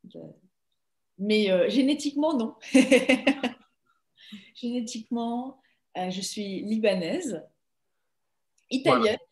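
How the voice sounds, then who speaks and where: A woman's voice: fairly high pitch, slow, long pauses, roomy sound. A young woman from Belgium, an actress, chatting casually and laughing often in an interview over a video call.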